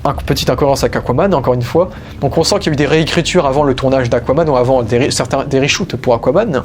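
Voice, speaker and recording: A man's voice: medium pitch, fast talker, soft background music. A man hosting a casual spoiler film recap, talking enthusiastically and rambling, often restarting his phrases. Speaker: film review host.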